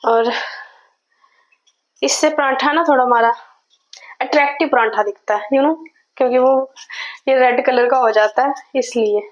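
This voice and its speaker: High-voiced chatty woman cooking at home. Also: lo-fi sound. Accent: Jammu. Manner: chatty, devotional asides, mixes English words into Hindi; tries to speak slowly and softly. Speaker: vlogger. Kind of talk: casual cooking vlog talk to camera. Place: home kitchen.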